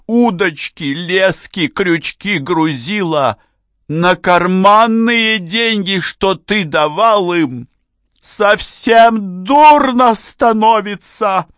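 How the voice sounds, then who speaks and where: A man voicing an upset middle-aged mother who talks in a high, strained, emphatic way. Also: a bit bright, clear, resonant tone, no room sound, clean studio sound.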